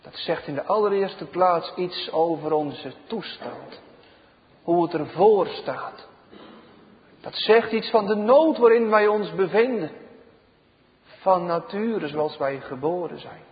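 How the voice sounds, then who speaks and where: Slow emphatic preacher, reverberant church. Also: male voice, high voice. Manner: slow and emphatic, swells loud then drops to a hush. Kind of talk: sermon. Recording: dull reverberant church recording.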